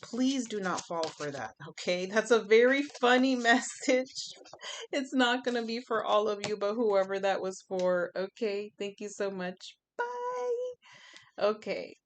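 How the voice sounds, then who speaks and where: A woman's voice: medium pitch, measured pace, slight background noise. A woman giving a chatty pick-a-pile tarot reading, emphatic and fond of repeating her phrases. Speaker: tarot reader.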